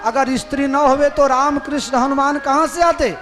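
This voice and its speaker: A man telling a devotional story sermon, lively and teasing his audience. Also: very high voice, normal speed, music in the background. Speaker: storyteller preacher.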